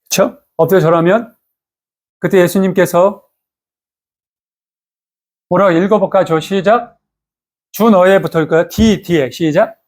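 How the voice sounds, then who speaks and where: A male pastor delivering a sermon in a church, with a voice that sits high for a man. He talks in a loose, conversational way and keeps turning questions back to the congregation. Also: unhurried, pauses often, darkish tone.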